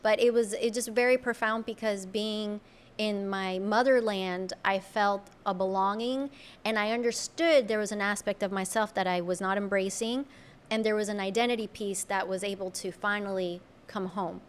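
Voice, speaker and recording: Female podcast guest, Colombian-born Spanish native; mid-pitched, earnest, reflective, halting restarts. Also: steady tone, clean tone. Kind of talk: casual conversational interview.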